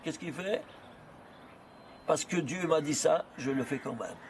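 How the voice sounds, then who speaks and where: A man giving an animated lesson, asking questions and answering them himself in rapid bursts. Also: fairly high pitch, background noise. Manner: animated, asks and answers his own questions. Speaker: Torah teacher. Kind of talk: lively lesson on gematria.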